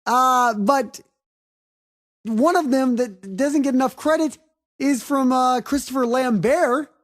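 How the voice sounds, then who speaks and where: A woman's voice: high-pitched, takes it slowly. A woman hosting a casual film review chat, speaking emphatically with plenty of slang and swearing. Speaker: podcast host.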